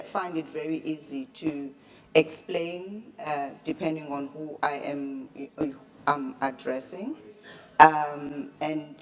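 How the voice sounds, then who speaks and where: A woman's voice: deep voice, fairly bright tone. A South African woman, a liver clinic doctor, answering a conference question with hesitant restarts and fillers. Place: conference room.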